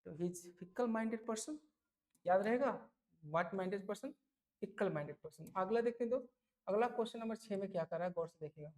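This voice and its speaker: Lively teacher man, repeating words. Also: sits high, measured pace. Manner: lively, repeats key words, asks "clear?" often. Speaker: English teacher. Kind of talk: exam-prep vocabulary lesson.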